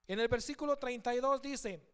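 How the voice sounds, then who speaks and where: Male pastor, high smooth voice, reads scripture aloud, questions the room. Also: fairly quick, fairly bright tone. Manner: asks the congregation questions. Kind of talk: sermon. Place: church.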